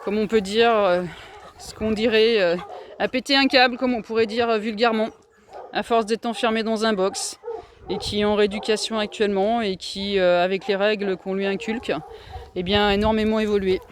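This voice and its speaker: A shelter worker giving a casual tour of an outdoor dog shelter, hesitant with many filler sounds, now and then slipping into high coaxing baby talk. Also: steady tone, moderate pace. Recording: noisy shelter yard with barking dogs. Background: dogs barking.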